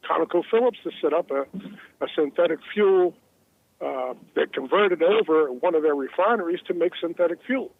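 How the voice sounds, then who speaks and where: A man's voice: fairly high pitch, gravelly. A man calling in to a talk show from his car over a Bluetooth phone line, earnest and rambling, repeating words as he goes. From New Jersey. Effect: car Bluetooth phone call. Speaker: caller.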